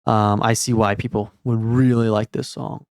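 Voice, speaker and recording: A man's voice: fairly low pitch, flat delivery, normal speed, darkish tone. A man in his thirties co-hosting a casual music review chat, laid-back and rambling with fillers. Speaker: podcast co-host.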